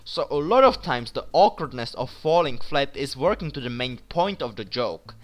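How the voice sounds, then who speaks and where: A man's voice: mid-range voice, sing-song, normal speed. A man narrating a comedic anime review in a sarcastic, crude, mock-dramatic way.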